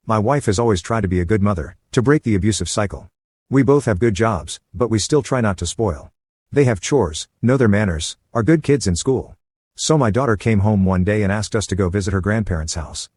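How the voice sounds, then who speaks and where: A man with a lowish voice narrates a reddit story in a steady, matter-of-fact read. The sound is close and dry, with no room around it. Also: dry recording.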